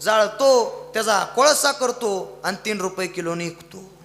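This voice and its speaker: A man voicing a humble, poor woodcutter in a sermon story, speaking calmly and plainly. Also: high voice, measured pace, exaggerated voice. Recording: echoey hall reverb.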